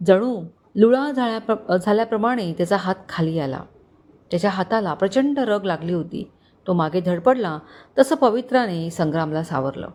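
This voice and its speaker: Woman narrating a dramatic family story. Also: normal speed. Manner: expressive, voices characters with rising pitch in tense moments.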